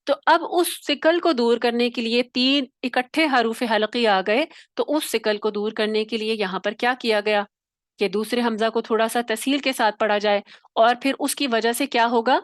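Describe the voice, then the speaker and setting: Female recitation teacher: fairly high voice, dry close mic, patient step-by-step demonstrations. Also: no room sound. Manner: explains step by step, demonstrates sounds, checks with "theek hai?". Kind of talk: tajweed lesson.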